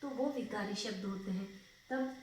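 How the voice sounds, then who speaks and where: A woman's voice: mid-range voice, unhurried, darkish tone, distant mic, slight background noise. Patient woman teacher, echoey room. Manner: patient, repeats and asks checking questions. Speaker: school teacher. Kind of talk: grammar lesson.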